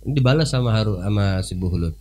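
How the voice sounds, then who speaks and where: A man giving an informal sermon, telling a story in a lively conversational way. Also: lowish voice, a little fast. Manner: lively, conversational, with sudden rises. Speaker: preacher.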